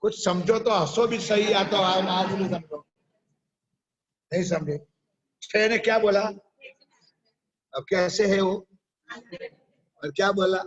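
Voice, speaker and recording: A man's voice: sits high, slow pace, long pauses, fairly bright tone, breathy edge, highs cut off. A man preaching a sermon. He tells a parable and keeps stopping to quiz his listeners. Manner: questions the audience often. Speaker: religious preacher.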